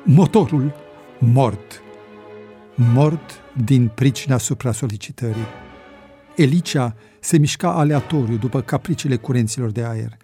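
A man narrating an adventure story in a measured, dramatic audiobook reading. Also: medium pitch, mellow, faint music behind.

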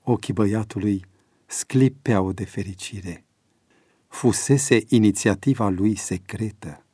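A man's voice: fairly low pitch, husky, dry recording. Man narrating a story, dry and close. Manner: steady, measured reading. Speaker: audiobook narrator.

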